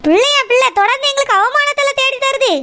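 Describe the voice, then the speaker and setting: A woman's voice: very high-pitched, quick pace, bright, forceful tone. Woman voicing a furious scolding cartoon mother. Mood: angry. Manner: harsh, ranting, scolding. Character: furious middle-aged mother, scolding and bitter. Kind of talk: cartoon voice acting.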